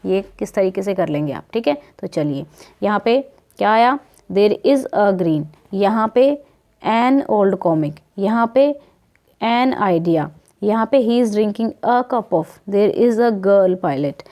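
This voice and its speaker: An Indian woman teaching an English grammar lesson at an unhurried pace. Her voice is mellow and soft-edged. She keeps repeating example words and checking that her pupils follow. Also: mid-range voice, expressive. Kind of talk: worksheet lesson explained in Hindi.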